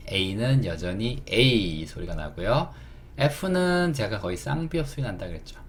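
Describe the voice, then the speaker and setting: A man's voice: on the low side, expressive, slight background noise. A man teaching beginners English words, patiently asking questions and answering them himself. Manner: spells words slowly letter by letter.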